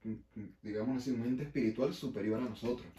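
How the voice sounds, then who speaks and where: A man with a Venezuelan accent talking on a casual podcast, halting and often repeating words. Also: mid-range voice, dark tone, echoey room. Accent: Venezuelan Spanish. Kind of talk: casual opinion podcast chat.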